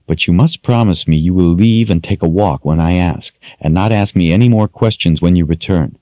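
A man voicing a young woman who speaks calmly and formally, lifting his pitch a little. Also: moderate pace, no echo, muffled recording, natural voice. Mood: solemn. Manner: calm, formal. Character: steady, solemn young woman traveler.

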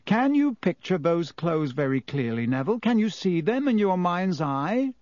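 A calm, kindly middle-aged professor, as a male audiobook reader puts him on, guides his class in a patient, encouraging way. The voice sits a little high and moves a lot in pitch. The recording is dry and close. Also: moderate pace, no echo. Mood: patient teaching. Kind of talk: audiobook character voice.

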